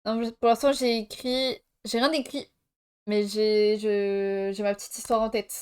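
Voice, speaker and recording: Chatty young woman streamer, slow and smooth. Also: medium pitch, steady tone. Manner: chatty, laughing, playful mock Spanish. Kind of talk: casual live-stream chat.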